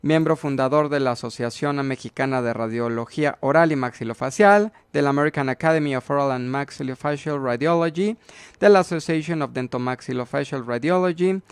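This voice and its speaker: A man's voice: mid-range voice, clear, resonant tone, dry recording. A man hosting an online dental webinar, formally introducing the guest speaker with effusive thanks. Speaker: webinar host.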